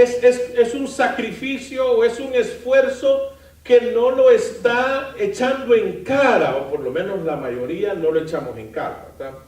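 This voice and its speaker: A man preaching a sermon as pastor, lively, asking the congregation questions and adding light humor. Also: high voice. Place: church sanctuary. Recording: roomy, from far off the mic.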